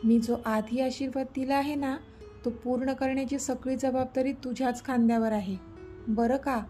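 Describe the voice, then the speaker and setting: A woman's voice: high voice, fairly even intonation, moderate pace, warm tone, faint music behind, lightly acted. A woman voicing a mischievous old grandmother who teases her grandchildren in a read-aloud story. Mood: sly. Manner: sly, teasing.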